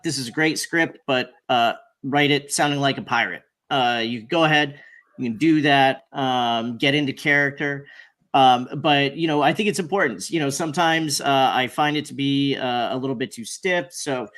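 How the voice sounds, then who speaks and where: A man hosting a casual talk show, relaxed as he offers tips with plenty of fillers. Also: medium pitch. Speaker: host. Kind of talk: casual chat.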